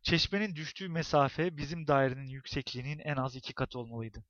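A man narrating a novel as an audiobook, in expressive, tense storytelling. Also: a little high, quick pace, no echo, dull audio.

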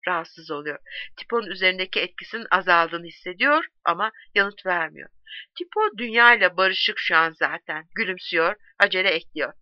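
A woman reading a novel aloud in a measured, expressive way. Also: lowish voice, no room sound, highs cut off. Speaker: audiobook reader.

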